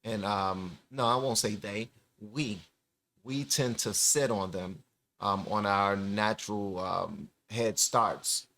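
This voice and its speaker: A man hosting a reaction video, commenting in a relaxed, chatty way with laughing asides. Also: fairly low pitch, slow pace. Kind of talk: casual commentary.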